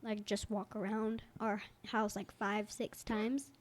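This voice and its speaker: A woman's voice: medium pitch, level tone, slow. A teenage daughter chatting casually as co-host, giggly and easily losing her train of thought. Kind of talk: casual chat.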